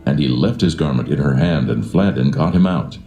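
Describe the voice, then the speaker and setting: A man's voice: extremely low pitch, fairly quick, dark tone, echoey room, lo-fi sound, soft background music. A man narrating scripture from a script in a solemn style.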